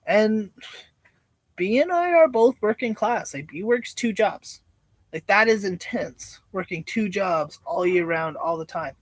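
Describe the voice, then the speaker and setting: A man's voice: high voice, no echo. A man with a laid-back, meandering stoner drawl, chatting casually and rambling like a live streamer. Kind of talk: casual rambling livestream chat.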